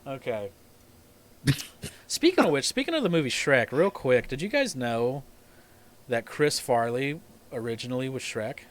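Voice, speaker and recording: A man's voice: mid-range voice, sing-song, normal speed, pauses often. A man in his twenties chatting casually on a live stream, rambling and swearing, laughing often. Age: 20s. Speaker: podcast host. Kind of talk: casual chat.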